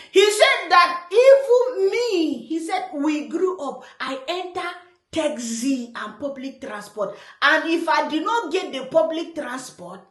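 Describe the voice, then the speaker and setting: Lively high-voiced Nigerian woman commentator. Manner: animated, laughs often, playful teasing. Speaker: online commentator. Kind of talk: reaction commentary. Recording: roomy echo.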